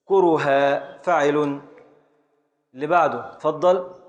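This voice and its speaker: A man's voice: on the high side, measured pace, dull audio. Brief: Egyptian Arabic male scholar, raised voice, drilling students on poetic meter in class. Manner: quizzing students, scanning verse syllable by syllable. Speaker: Islamic scholar teaching Arabic grammar and prosody. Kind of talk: classroom lesson.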